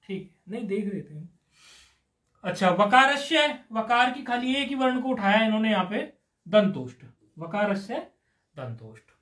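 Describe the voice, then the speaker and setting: In a live Sanskrit grammar class, a male teacher walks through the material step by step with patience and quizzes his students along the way. His voice is high and sharp in tone, paced moderately, and the space around him echoes.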